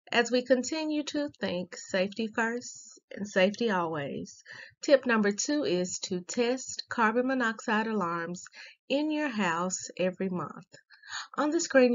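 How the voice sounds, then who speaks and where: Female school announcer, unhurried and deliberate, reading morning notices from a script on a slightly dull recording. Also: medium pitch.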